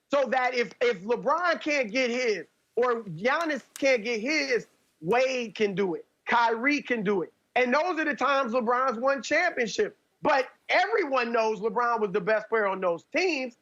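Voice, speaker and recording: Male sports debater, very high voice, dull lo-fi sound, lays out his case step by step. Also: lively intonation, measured pace, a bit bright. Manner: argumentative, building a case point by point. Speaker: sports analyst. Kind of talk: debate show commentary.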